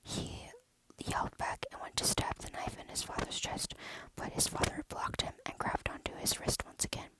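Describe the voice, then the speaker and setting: A storyteller reading a dark horror story aloud in a steady, hushed whisper. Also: normal speed, low-quality recording.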